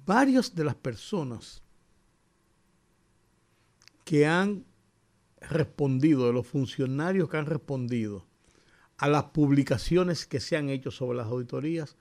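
A man discussing news on a panel, deliberately, restating phrases for emphasis. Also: on the high side, animated, darkish tone.

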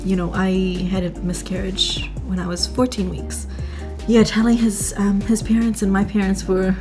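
A woman's voice: mid-range voice, little pitch movement, normal speed, over music. Chatty woman guest, open and talkative. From Philippines. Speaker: podcast guest. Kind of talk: casual interview chat.

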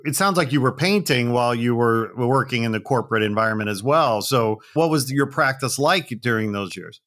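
A man's voice: medium pitch, animated, a little fast, a bit bright. A man hosting a podcast, asking the guest questions in a conversational, curious way. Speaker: podcast host. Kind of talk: interview questions.

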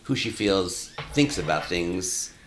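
A man who works as an elder care consultant, talking in a measured, anecdotal way in a casual interview. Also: deep voice, lively intonation, slight background noise.

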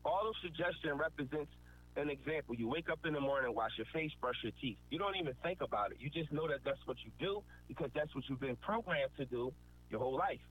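A man with a slightly high voice speaks at a quick pace, giving an earnest motivational talk with a preachy edge. He repeats key points for emphasis. The recording has a tinny, phone-like quality and faint noise.

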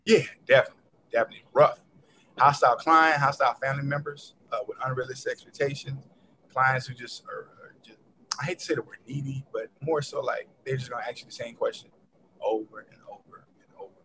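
A man's voice: medium pitch, fairly even intonation, quick pace, background noise. A man, a defense lawyer, talking about his clients in a casual chat and often repeating his words as he explains.

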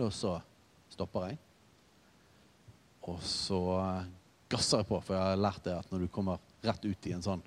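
A man preaching a sermon in a relaxed, conversational way, telling stories with asides. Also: deep voice. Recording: reverberant hall.

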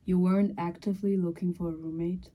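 A young woman guest in a casual chat, making dry, deadpan remarks. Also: lowish voice, fast talker, narrow, tinny audio. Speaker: podcast guest, former roommate.

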